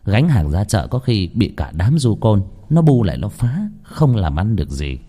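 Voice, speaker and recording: A man narrating a horror story in lively, colloquial storytelling. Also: fairly low pitch, moderate pace.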